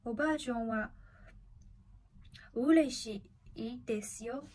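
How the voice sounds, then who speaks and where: Brief: soft, slow, kindly grandmother in a told story, somewhat high voice, done by a woman narrator. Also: noisy background. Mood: gentle. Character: gentle kindly grandmother ghost.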